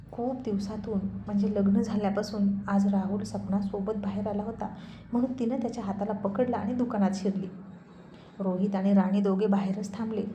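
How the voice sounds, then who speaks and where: A woman narrating a serialized story in a steady, expressive way. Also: mid-range voice, a little hiss or hum. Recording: roomy echoey recording.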